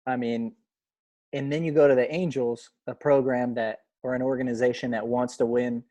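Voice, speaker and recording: A man's voice: mid-range voice, normal speed, no echo, dull audio. A man hosting a sports podcast, chatting casually with an old teammate and laughing along. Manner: relaxed, chummy, laughs along. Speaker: podcast host, former teammate.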